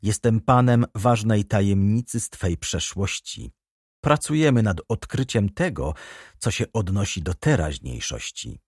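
A man's voice: lowish voice, lively intonation, no room sound, studio quality. A man reading a stern, grave prosecutor. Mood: menacing. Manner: stern, measured, quietly accusing. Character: grave former journalist, now royal prosecutor, man. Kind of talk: audiobook character reading.

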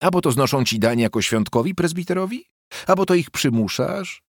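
Audiobook: male narrator voicing a shrill, mocking peasant wife, sharp-tongued, lively pitch. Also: a little fast, no room sound, studio quality.

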